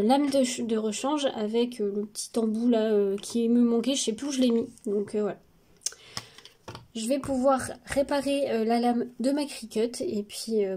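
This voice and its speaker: A woman with a sniffly cold speaks casually from her home studio. Her voice is mellow and slightly high, and her speech is hesitant and full of fillers. There is a faint hiss in the background. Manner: hesitant, many pauses and fillers. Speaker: craft vlogger. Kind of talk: casual studio vlog chat.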